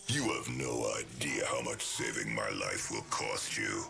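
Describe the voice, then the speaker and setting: Revenant, gravelly robotic killer. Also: male voice, steady tone, heavily acted. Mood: sinister, threatening. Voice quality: deep, gravelly, robotic rasp. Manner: Revenant-like sinister, slow, taunting menace. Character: menacing, vengeful robotic killer who cannot die. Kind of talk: video game character acting. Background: loud music.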